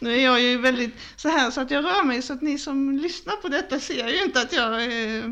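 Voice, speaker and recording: Woman from a school staff telling fun stories on a podcast, gravelly voice, kinda muffled lo-fi sound. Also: high voice, crowd noise. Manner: lively storyteller, animated anecdotes. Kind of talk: casual podcast conversation. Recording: dull lo-fi sound.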